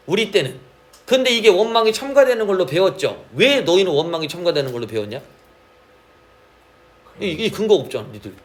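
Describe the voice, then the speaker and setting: A Korean literature teacher delivers a classroom lecture in a lively, high male voice. He keeps asking check questions and drawls out the key terms.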